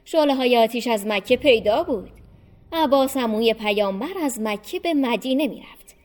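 A woman reading a story aloud in a plain, even storytelling voice. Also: on the high side. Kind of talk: scripted narration of a children's story.

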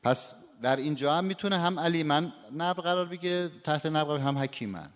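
A man's voice: a little high, expressive. Man lecturing in a reverberant hall. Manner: polite, explanatory, demonstrates recitation phrases. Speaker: Quran recitation teacher. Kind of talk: classroom lecture with questions.

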